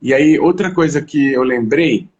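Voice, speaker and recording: A man's voice: medium pitch, unhurried, darkish tone, dull audio. A man from Minas Gerais, a therapist telling stories in conversation and laughing as he goes. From Minas Gerais, Brazil. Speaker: therapist guest. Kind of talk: conversational storytelling.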